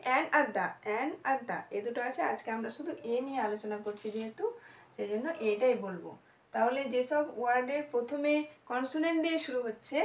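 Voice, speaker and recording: A woman with a high voice teaches an English grammar lesson in Bengali. She goes slowly and patiently, repeats each example word and keeps asking whether it is clear. The room around her is echoey.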